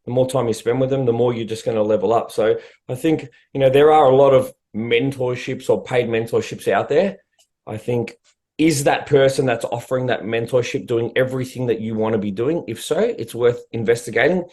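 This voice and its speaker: A blunt man co-hosts a prep coach fitness podcast, chatting casually and loosely at a quick pace. His voice sits at medium pitch with a darkish tone, and he swears offhandedly.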